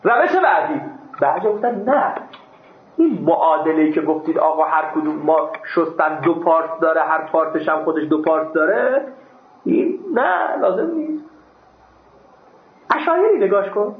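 A man's voice: a little high, animated. A man teaching a seminary class, reading Arabic text aloud and explaining it with questions and the odd joke. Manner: explains by question and answer, jokes with students. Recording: dull echoey classroom recording.

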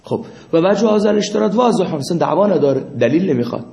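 In a classroom lecture, a man with a high, creaky, dark-toned voice speaks animatedly, using examples to explain and questioning his students. The recording is muffled and lo-fi, captured in an echoey room.

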